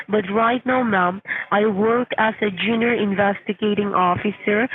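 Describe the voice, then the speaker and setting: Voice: mid-range voice, husky. A person with a formal, repetitive, insistent call-center delivery, speaking as if from a script over the phone. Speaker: phone scammer posing as junior investigator. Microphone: telephone call. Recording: narrow, lo-fi phone line.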